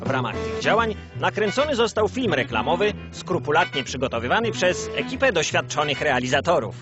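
Guy doing old newsreel narration, lively up and down, pompous and rousing, dull muffled sound, music blaring. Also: fairly high pitch, fairly quick. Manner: grandiose, solemn and rousing. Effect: old communist-era newsreel narration. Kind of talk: scripted mock-propaganda narration.

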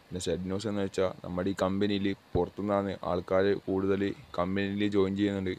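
A man voicing a low, flat-voiced company boss. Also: lightly acted. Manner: brisk and matter-of-fact. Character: male company boss, blunt and businesslike. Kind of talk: amateur Malayalam dub of a game short film.

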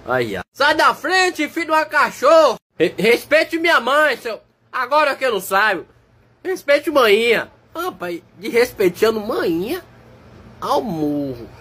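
A man's voice: high-pitched, huge pitch swings, a bit bright, husky, heavily acted. A man voicing a cocky street dog. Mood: cocky teasing. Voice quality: rowdy, teasing, quick to laugh. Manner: swings between mock threats and joking. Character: brash street-smart male dog, teasing and cocky. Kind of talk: comic voice-over dubbing of animal videos.

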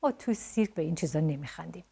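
A woman voicing a gentle, shy and polite young boy in a storybook tale. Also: low-pitched, animated, gravelly, husky, exaggerated voice. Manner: soft-spoken and polite.

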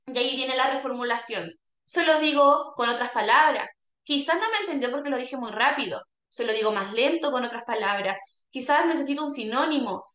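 A woman's voice: sits high, a bit bright. A woman, a speech therapist explaining to caregivers in a workshop and often checking in with a questioning "¿ya?". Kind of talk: workshop talk. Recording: echoey room.

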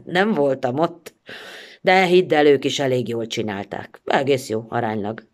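An actress reciting a first-person story theatrically, expressive and shifting between pleading and irony. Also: female voice, extremely low pitch.

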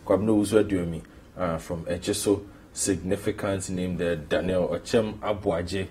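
A man's voice: deep voice, fairly even intonation, moderate pace, darkish tone, slight background noise. A man with a Ghanaian English accent, an analyst on a live TV panel who emphatically interrupts to disagree. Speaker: political analyst. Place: TV studio.

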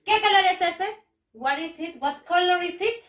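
A woman teaching English to first graders in a bilingual lesson, slow and exaggerated, patiently repeating words for the children to copy. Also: extremely high pitch, a bit bright, far from the mic. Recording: echoey room, speaking away from the mic.

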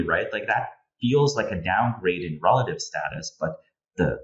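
A male guest in his thirties, a political analyst with a Slovenian accent and a deep register, offers explanatory, discursive analysis in a conversational interview. He sits in a home room with bookshelves, speaking into an earphone headset over a video call, so the audio is slightly dull and a bit lo-fi.

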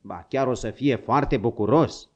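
A man's voice: mid-range voice, darkish tone, natural voice. A man voicing an eager, obliging young male servant, in a dull lo-fi audiobook recording. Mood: helpful.

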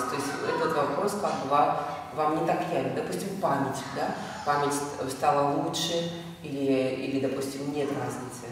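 A woman teacher interviews her student, her questions chatty and halting, full of restarts. She sounds far from the mic in a large echoing hall, with steady noise behind. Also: sits low. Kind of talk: casual interview. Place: large dance studio, indoors. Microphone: far camera.

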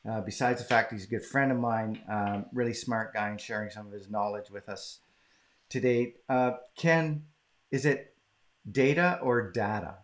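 A man's voice: lowish voice, moderate pace. A man from Canada hosting a live-streamed conversation, casual and chatty. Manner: casual, chatty, laughs easily. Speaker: host. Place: home, southern British Columbia.

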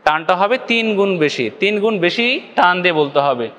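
A man with a high, light voice teaches recitation rules in a patient, methodical way. He talks to his viewers directly as he breaks each rule into small steps. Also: expressive, a bit bright. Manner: explains rules slowly, often addressing "dear viewers" and drawing out sample recitations. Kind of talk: step-by-step recitation lesson.

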